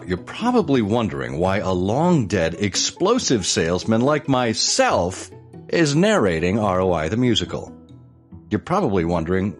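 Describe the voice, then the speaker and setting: In a lowish, grand and jovial voice, an actor narrates an audio musical as the ghost of an old-time explosives salesman, pompous and excitable, using grandiose, old-fashioned language.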